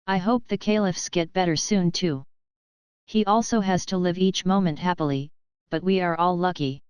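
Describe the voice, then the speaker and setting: A woman voicing a calm, content elderly female cat who speaks in a measured, reassuring way. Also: on the low side, clear, resonant tone, no room sound, natural voice. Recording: dull, muffled sound.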